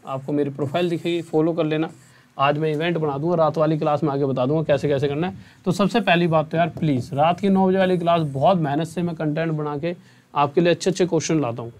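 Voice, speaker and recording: A man's voice: on the high side, darkish tone. A young man, a math teacher, chatting earnestly with students at the end of an online class and often checking in with them. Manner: chatty and earnest, often asks "theek hai?".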